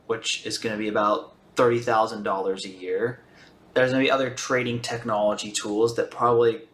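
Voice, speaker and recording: A man presenting an explanatory monologue in a measured, methodical way. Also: medium pitch, a bit bright. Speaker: video presenter on finance. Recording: roomy, echoing sound.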